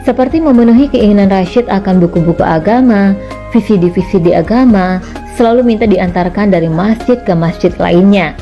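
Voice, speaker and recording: A woman reading scripted documentary narration in a measured, even delivery. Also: medium pitch. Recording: dull lo-fi broadcast with music behind.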